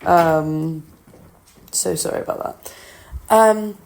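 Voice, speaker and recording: A woman's voice: on the low side, slow pace, gravelly, a little mellow, rough recording. A woman talking informally on her own as a podcast host, candid and self-deprecating, hesitant as she thinks aloud into her phone at home. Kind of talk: informal solo opinion talk. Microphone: talking into a phone, no studio.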